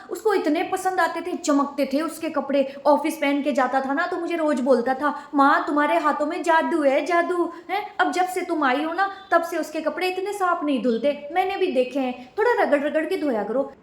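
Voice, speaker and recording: A woman's voice: high voice, normal speed, hardly any pauses, roomy sound, natural voice. A woman playing a nagging, boastful mother-in-law. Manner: scolding, self-praising, keeps prodding with "हैं?". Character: nagging middle-aged mother-in-law, boastful about her son. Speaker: mother-in-law in a comedy sketch.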